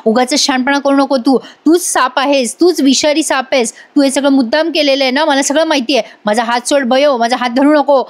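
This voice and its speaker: A woman doing a sulky young woman with a sharp tongue, snapping accusations in a high voice, read within a chatty TV serial review. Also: fairly even intonation, a little fast, few pauses, lightly acted.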